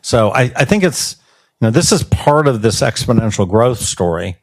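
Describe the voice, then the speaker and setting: A man's voice: mid-range voice, sing-song, moderate pace. A man speaking on a conference panel, stumbling over repeated words. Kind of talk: panel discussion.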